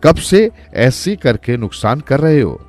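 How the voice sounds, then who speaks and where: A man's voice: mid-range voice, big pitch swings, slow pace, darkish tone, faint music behind, voice pushed up. A man voicing a harsh scolding old woman. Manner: scolding, threatening. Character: harsh quarrelsome old village woman, threatening.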